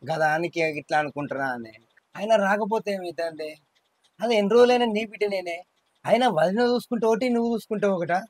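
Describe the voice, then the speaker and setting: A man playing a young farmer who tries to calm his angry wife. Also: sits high, quick pace, no room sound. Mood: pleading. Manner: placating, exasperated. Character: young village farmer caught between wife and family. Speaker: husband and younger brother in a village short film. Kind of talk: village family drama acting.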